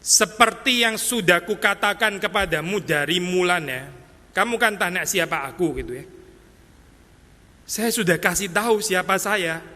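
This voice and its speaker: A man preaching a sermon as pastor, talking casually and acting out quotes with lively bursts. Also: sits high, moderate pace. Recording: long hall reverb.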